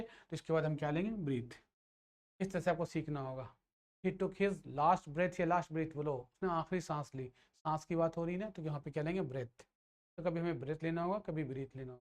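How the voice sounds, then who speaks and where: A man teaching grammar, firing questions at students and answering them himself. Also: a little high. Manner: asks and answers his own questions. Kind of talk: classroom lecture.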